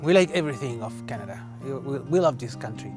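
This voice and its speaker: A man from Chile with a Chilean Spanish accent and Spanish as his first language, speaking in halting English and repeating words as he searches for them. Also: mid-range voice, expressive, music in the background. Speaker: student guest.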